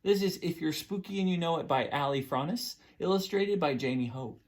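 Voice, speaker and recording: A children's storytime presenter talks in a classic kindergarten teacher voice. The delivery is simple and encouraging, with questions for very young listeners and key words stretched out. The pitch sits in a middle range. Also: a little fast, a little mellow. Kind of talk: children's storytime, teaching, reading aloud and singing.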